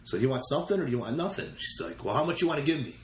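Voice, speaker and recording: A man's voice: mid-range voice, big pitch swings, very fast. Rambling man telling investing stories. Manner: rambling, retells conversations with quoted lines. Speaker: real estate investor guest. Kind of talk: casual storytelling interview. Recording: roomy echo with faint ambient noise.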